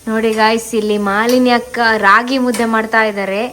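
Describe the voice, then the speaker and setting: Female vlog host, lively, slightly high voice, faint noise. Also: fairly quick. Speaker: vlogger co-host. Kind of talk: casual vlog chat.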